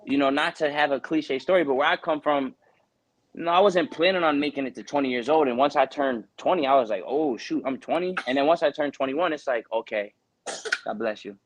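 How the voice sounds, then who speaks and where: A man's voice: mid-range voice, fairly quick. A man in his twenties, a boxer from Connecticut, talking earnestly in a casual interview, rambling with lots of "you know" fillers. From Connecticut, USA.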